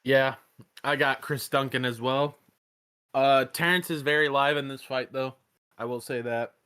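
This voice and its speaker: Bright-voiced man rambling about fights. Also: mid-range voice, little pitch movement, measured pace, clean tone. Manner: profane, rambling, laid-back. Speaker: fight predictions panelist. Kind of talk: casual chat.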